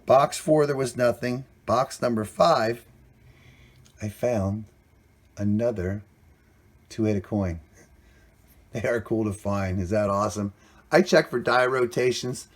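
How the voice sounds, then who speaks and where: A man's voice: medium pitch, slow, long pauses. A man hosting a coin roll hunting vlog, talking casually and plainly, cheerful about each find, recorded indoors on a camera mic. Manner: chatty, plainspoken, upbeat about finds.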